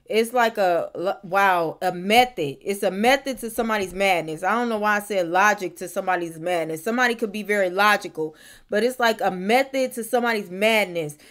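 A woman's voice: medium pitch, a little fast, a bit bright. A young woman giving a casual tarot reading to camera in her bedroom, musing and repeating herself as she thinks aloud. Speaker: tarot reader. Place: bedroom, indoors.

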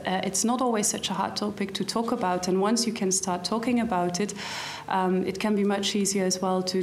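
A woman's voice: medium pitch, slight background noise. Hesitant woman panelist at a conference. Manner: hesitant, many fillers and restarts. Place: conference hall, seated at panel table. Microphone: table microphone.

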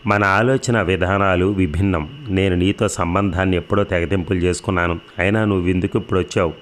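A man's voice: low-pitched, fairly even intonation, brisk, a little hiss or hum, natural voice. A man reading a story voices a stern older brother who speaks to his younger sibling in curt questions. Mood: cold.

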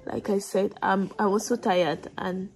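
A woman's voice: mid-range voice, steady tone, a little slow, a little mellow, poor audio. Woman vlogger, casual and chatty, speaks straight to her audience. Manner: chatty, addresses viewers directly. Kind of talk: casual vlog update to camera.

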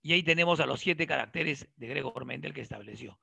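A man lecturing a biology class, quizzing his students and cracking jokes as he goes. His voice sits a little high and sounds bright and gravelly. It is recorded close and dry, with no room sound. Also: fast talker, no echo. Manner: lively, questioning students directly and joking. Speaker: biology teacher.

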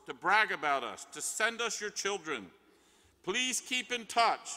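An older man, a dean, giving a measured formal closing address from a podium in a large arena. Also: high-pitched, bright, forceful tone, a little hiss or hum. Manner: measured, reads from a script. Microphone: podium mic. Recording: long arena reverb.

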